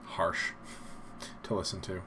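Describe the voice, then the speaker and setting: A man with a soft, breathy voice hosts a casual live stream in the manner of an old-timey radio announcer. He is low-spoken and takes his time, rambling along in a self-deprecating way. Faint noise sits behind his voice. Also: slow.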